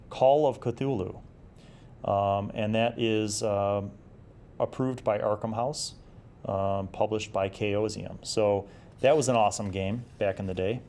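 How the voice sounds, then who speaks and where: Here a retro gaming review host talks in a fairly low voice with a touch of mellowness. It's relaxed, rambling commentary, his ideas forming as he speaks.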